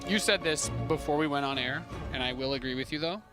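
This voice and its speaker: A man's voice: a little high, fast, over loud music. Laid-back esports co-caster man. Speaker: esports co-commentator. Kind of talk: live esports color commentary.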